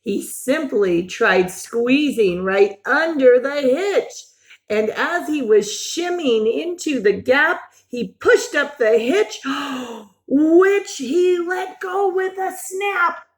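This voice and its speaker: A woman reads a picture book to young children in an animated, expressive storytelling voice, pausing for simple questions, gasps and exclamations. Her voice sits high and she takes it slowly.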